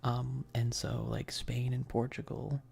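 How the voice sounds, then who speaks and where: An ASMR livestream host chats softly and casually, her breathy voice often sinking to a whisper. She rambles and hesitates, poking fun at herself. The voice is mid-range and level, the pace unhurried.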